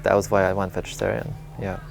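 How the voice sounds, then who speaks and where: Man, 30s, from Lebanon; low gravelly voice; relaxed, candid interview storytelling. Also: fast talker, faint music behind. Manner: candid, reflective, with small laughs and fillers. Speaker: interviewee, vegan advocate.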